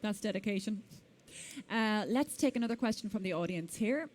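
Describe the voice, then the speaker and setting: A woman moderating a conference Q&A, briskly announcing questions from the audience. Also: medium pitch, animated, a little hiss or hum. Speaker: session moderator. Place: conference stage.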